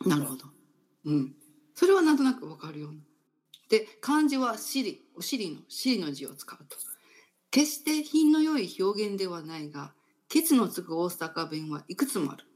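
A woman hosting a casual talk show, explaining slowly and thoughtfully with many fillers. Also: mid-range voice. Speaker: radio host.

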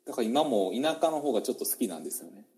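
A man with a Kansai accent, a teacher chatting as a guest in a relaxed interview, with many fillers and a mind to slowing down. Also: mid-range voice. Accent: Kansai Japanese. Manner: chatty, many fillers, mindful of speaking slowly. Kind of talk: casual interview talk.

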